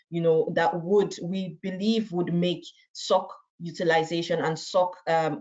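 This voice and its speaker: A woman with a fairly low voice speaks over a video call, walking viewers through a software demo. Her delivery is conversational and relaxed, and she keeps checking in with "right?". The call audio sounds dull and muffled. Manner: conversational, often tags sentences with "right?". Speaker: presenter. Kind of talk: webinar product walkthrough.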